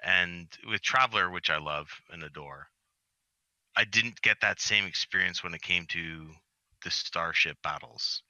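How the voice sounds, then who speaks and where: A man chatting on an online panel, asking a question haltingly with many restarts. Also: low voice, bright, forceful tone, no echo. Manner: hesitant, repeats words as he asks. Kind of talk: casual chat.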